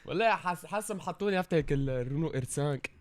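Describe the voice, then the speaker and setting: A young man with a Tunisian accent bantering and teasing as a contestant in a car guessing game, often repeating his words quickly. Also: a little high, animated, slight background noise. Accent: Tunisian Arabic.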